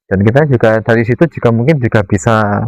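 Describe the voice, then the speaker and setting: A man co-hosting a vlog, explaining casually in a halting, matter-of-fact way. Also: lowish voice, steady tone, no room sound. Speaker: paranormal vlog co-host. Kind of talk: casual unscripted explanation to viewers.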